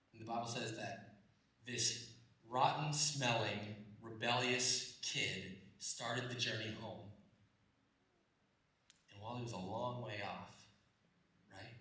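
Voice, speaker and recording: A man preaching a sermon, telling the story with animated energy, acting out the characters' lines and swinging between hushed and loud delivery. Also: on the low side, heavy reverb, distant mic, rough recording. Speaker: pastor. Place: church sanctuary.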